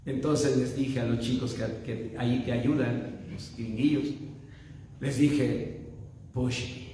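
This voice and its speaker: A middle-aged man with a Mexican accent, a pastor telling a self-mocking, animated story during a sermon. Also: medium pitch, takes it slowly, background noise. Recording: echoey hall with long reverb.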